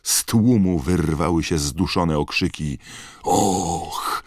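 A man reading an audiobook in a measured, unhurried scripted narration. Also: a bass voice, dry recording, studio quality.

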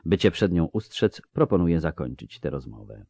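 A man voicing a cold, aloof ancient male elf in an audiobook, slow, measured and quietly threatening. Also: a bass voice, very animated, creaky, slightly rough, no room sound, full character voice. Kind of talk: audiobook character reading.

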